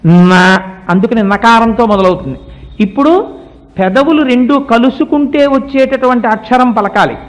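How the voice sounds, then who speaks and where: A middle-aged man giving a devotional discourse, explaining at length and chanting mantras slowly. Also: very high voice. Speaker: religious speaker.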